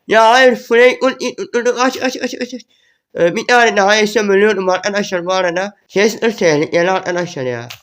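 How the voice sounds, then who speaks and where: A young man giving excited gameplay commentary, repeating words in quick bursts as the match unfolds. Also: high voice, smooth. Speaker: gaming YouTuber.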